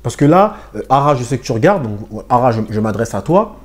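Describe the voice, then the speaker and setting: Animated man reviewing a manga chapter. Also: medium pitch, a little fast. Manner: animated, slangy, talks to viewers.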